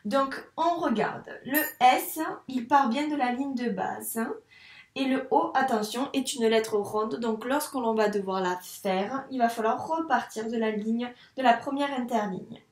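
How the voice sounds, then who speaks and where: A woman teacher from France giving a young child a handwriting lesson, spelling out sounds slowly and clearly, syllable by syllable. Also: a little high, roomy sound. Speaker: first-grade teacher.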